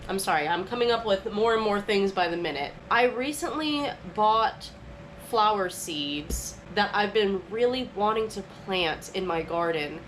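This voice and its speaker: A woman's voice: mid-range voice, animated, unhurried, a bit bright, a little hiss or hum, low-quality recording. A young adult woman chatting to camera at home in a rambling, casual way, full of filler words. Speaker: vlogger.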